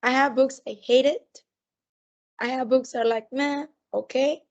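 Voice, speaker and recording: A woman chatting casually as a podcast co-host, with a thick, sore-throat voice and a halting delivery that often repeats words. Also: sits high, steady tone, lo-fi sound. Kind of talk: casual chat.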